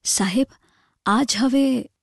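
A poor old gardener speaks slowly and wearily, as a woman reads him. His pleas are soft and humble. The sound is dry and close. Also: sits high, animated, no room sound. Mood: pleading.

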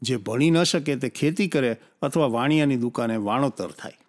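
A man narrating a story in a calm, measured, descriptive manner. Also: mid-range voice.

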